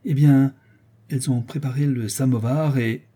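A man plays a dismayed butler in an audiobook, deferential and hesitant as he stumbles through his report. The voice stays dark and husky, only nudged upward when he gets agitated. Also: medium pitch, fairly even intonation, moderate pace, natural voice. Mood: flustered. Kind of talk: audiobook character voice.

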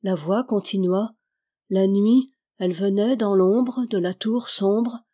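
Mellow-voiced woman reading a novel. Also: medium pitch, takes it slowly. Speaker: audiobook reader. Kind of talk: literary audiobook narration.

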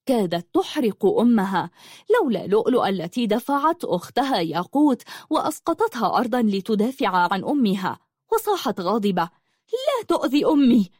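A woman reading a novel aloud in steady, dramatic storytelling narration. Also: mid-range voice, fairly quick, breathy edge, dry recording, clean studio sound. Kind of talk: audiobook narration.

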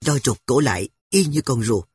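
A storyteller reading a first-person audiobook in a lively way. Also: mid-range voice, a little fast, slightly rough. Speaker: narrator. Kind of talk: audiobook narration.

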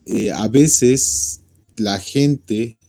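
Slow, very dark-voiced man. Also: fairly low pitch, vocal fry. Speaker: radio panel guest. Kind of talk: radio panel discussion. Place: radio studio.

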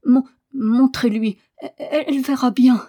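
A woman's voice: sits high, steady tone, measured pace, mellow, voice pushed up. A woman reading an audiobook voices a frail, hysterical little boy who gasps and stammers through sobs. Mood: sobbing. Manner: sobbing, gasping, stammering.

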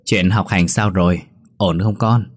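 A man voicing a gentle middle-aged mother, calm and motherly, in a low husky voice. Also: unhurried, dry recording.

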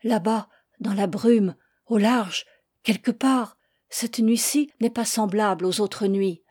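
A woman's voice: medium pitch, slow pace, breathy edge. A woman voicing a timid, frightened little boy whispering in bed at night. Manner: hushed, anxious.

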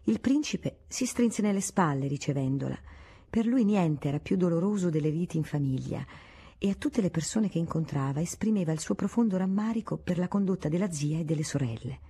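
Low, husky woman narrating a novel. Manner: steady, measured storytelling. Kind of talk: audiobook narration of a classic novel.

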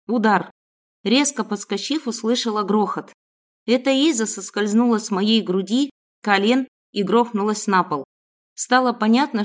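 Woman narrating a first-person audiobook. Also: mid-range voice.

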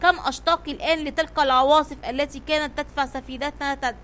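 Woman reading worried sailor man, anxious, exclaiming, high bright tone. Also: steady tone, fast talker, slight background noise. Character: worried male sailor, the captain's friend.

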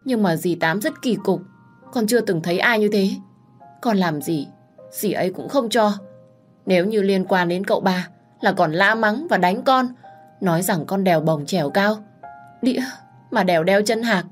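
A woman voicing a young, heartbroken servant girl who is crying and answering back in a raised, shrill voice. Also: moderate pace, faint music behind, natural voice. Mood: indignant. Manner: sobbing, shrill when angry.

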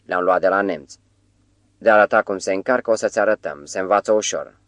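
A man's voice: deep voice, no room sound, lightly acted. A man reading the lines of a stern leader of a mountain band, in a curt, commanding way. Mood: matter-of-fact.

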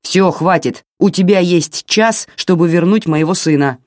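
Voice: medium pitch, a little slow, no room sound, studio quality, lightly acted. A reader voicing an angry, domineering middle-aged father who barks threats and orders. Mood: menacing. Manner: barking, threatening.

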